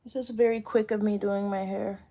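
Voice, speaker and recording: A relaxed woman in her thirties with a gravelly voice chats casually on a livestream, thinking aloud as she does her hair. She's a realtor hosting a Q and A, speaking at a moderate pace in a mid-range voice, recorded on a phone camera.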